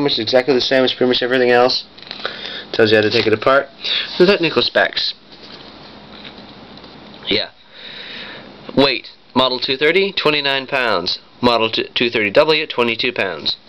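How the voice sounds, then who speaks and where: Speaking at normal speed in a mid-range, slightly bright voice, with long pauses, a man who collects vintage audio demonstrates his equipment. His delivery is off-the-cuff and rambling, full of self-corrections. A handheld camera's dull, noisy lo-fi mic records him.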